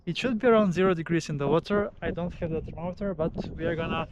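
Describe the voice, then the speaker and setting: A man narrating a casual vlog outdoors, speaking haltingly in short broken pieces. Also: fairly high pitch, dull audio, a little hiss or hum. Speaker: vlogger. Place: outdoors at a frozen lake.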